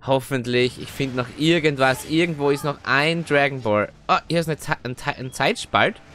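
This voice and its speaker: A young man giving chatty, excitable let's play commentary, often tagging his sentences with little questions. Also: mid-range voice, moderate pace, a little hiss or hum. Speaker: gaming video host. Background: faint game music.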